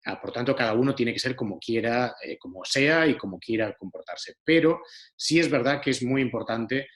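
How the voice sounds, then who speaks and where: A man's voice: medium pitch, animated, moderate pace. Earnest man lecturing. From Spain. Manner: earnest, repetitive, many fillers. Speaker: speaker on deliberative democracy. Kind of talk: online talk to citizens' assembly.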